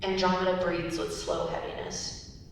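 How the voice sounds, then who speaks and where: At a dramatic reading, a young woman narrates the scripted stage directions in a level tone at normal speed. The distant mic captures a very echoey hall along with hiss and rumble.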